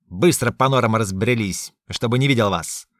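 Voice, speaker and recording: A man's voice: mid-range voice, moderate pace, dry recording, studio quality, close to an everyday voice. A man voicing a furious, menacing young man who growls and snarls.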